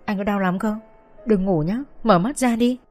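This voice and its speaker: A woman's voice: medium pitch, normal speed, faint music behind, close to an everyday voice. A woman voicing a young woman who cries and begs bystanders for help. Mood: pleading, tearful. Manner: tearful, begging, shouting.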